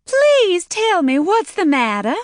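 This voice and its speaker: A shrill, high-pitched nursing home supervisor, a woman in charge who hollers in alarm and then sags into weariness, as a woman narrator puts her on for an audiobook. Her voice leaps all over the place. The recording is dry and close. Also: wildly swooping pitch, slow, no room sound, exaggerated voice.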